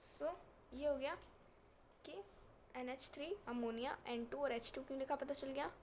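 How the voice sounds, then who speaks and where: A woman's voice: high-pitched, fairly even intonation, unhurried, background noise. A woman science teacher lecturing in a casual, teasing and scolding way, repeating her points and mixing in terms. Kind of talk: classroom lecture.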